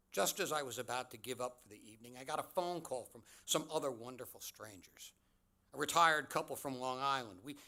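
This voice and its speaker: A man giving a commencement address, telling a personal story in a measured, deliberate way with dramatic pauses. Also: medium pitch, sharp tone. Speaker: commencement speaker.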